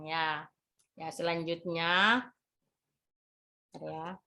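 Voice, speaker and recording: A woman's voice: on the low side, steady tone, drawn-out words, creaky, bright, forceful tone. A woman teacher, leading a classroom lesson in a motherly, repetitive instructing manner. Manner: motherly instructing, repeats words and phrases. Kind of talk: classroom lesson on Quran reading.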